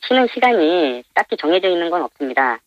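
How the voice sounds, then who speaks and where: Interviewed anonymously, a minibus driver answers plainly, his voice pitch-shifted to hide his identity. He is very animated yet halting and polite as he explains things, heard through a dry, dull, band-limited phone line.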